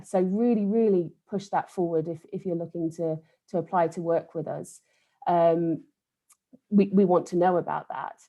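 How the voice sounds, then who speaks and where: A woman's voice: fairly low pitch, mellow. A woman from England speaking on an online careers panel, chatty and enthusiastic, often restarting her phrases. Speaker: panellist, think tank team manager. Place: home, video call.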